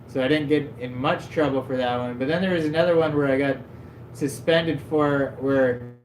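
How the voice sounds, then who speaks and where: Here a livestream host wanders through casual stories at his desk at home, loose and self-deprecating, with frequent "like" and mocking laughs at himself. He speaks at normal speed in a medium-pitched, slightly mellow voice. There's room echo and a low background hum.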